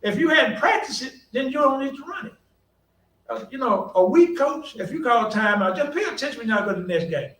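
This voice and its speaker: An older man tells folksy coaching stories on a panel, putting on the voices of other people. His voice sits fairly high for a man. He is recorded from across an echoey conference hall with a faint hum behind him. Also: brisk, distant mic. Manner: folksy, animated anecdotes with quoted voices and laughter. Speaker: college basketball coach, panel speaker.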